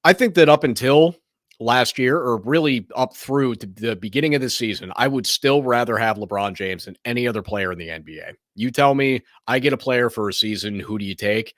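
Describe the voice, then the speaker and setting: Speaking briskly, this male sports show host gives loose, opinionated takes and keeps rambling and restarting his lines. His voice is mid-range, a little bright, slightly hoarse and raspy, and the studio-quality recording is dry.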